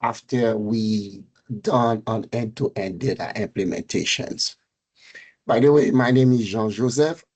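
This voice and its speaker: Middle-aged male presenter with a Haitian Creole-French accent, unhurried and a bit husky, pausing often on fillers. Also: fairly low pitch, darkish tone. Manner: halting, many fillers and restarts. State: recovering from a fever and cold. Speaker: meetup speaker, data architect. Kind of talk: technical presentation on a video call.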